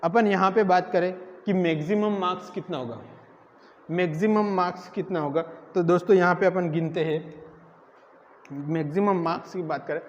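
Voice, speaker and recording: A man's voice: high-pitched, fairly even intonation, normal speed. A man teaching a nursing exam class, who keeps asking the students questions and answering them himself. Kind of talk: classroom lecture. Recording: echoey room, dull lo-fi sound, faint noise.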